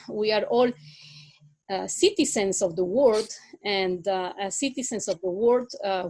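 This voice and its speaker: A middle-aged woman from Guatemala City, a native Spanish speaker with a Guatemalan accent, giving an online guest lecture in a halting way with many "uh"s. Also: mid-range voice, darkish tone, rough recording. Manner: halting, many filler sounds.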